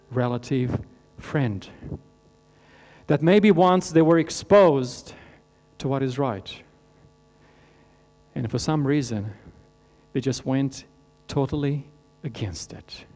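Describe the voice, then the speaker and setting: A man from Romania preaching a sermon, asking earnest rhetorical questions and letting his voice fall low and soft at the end of phrases. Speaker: pastor. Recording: long hall reverb with mains hum.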